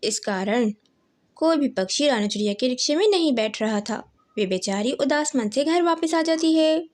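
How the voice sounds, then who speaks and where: Reading from a script, a woman tells a children's cartoon story at a moderate pace. She has a high voice with lively, swooping intonation, and she narrates expressively like a dramatic storyteller.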